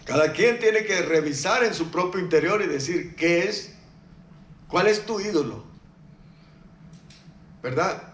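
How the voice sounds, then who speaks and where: High-voiced man preaching in an echoey hall. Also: animated, a little slow, pauses often. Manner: conversational, asks the congregation questions, jokes. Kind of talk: sermon. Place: church.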